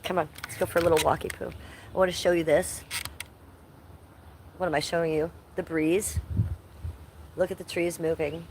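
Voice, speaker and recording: This Ohio woman speaks in a lowish, fairly flat voice at normal speed, pausing often, with a slightly mellow tone and light background noise. She's on a casual livestream, congested and nasal from allergies, cursing freely as she strolls her backyard and responds to chat.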